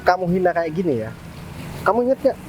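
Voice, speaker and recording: An actor playing a calm young man defending himself against his ex-girlfriend in a web drama, recorded outdoors. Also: sits high, fast, background noise. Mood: defensive. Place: outdoors in a public place.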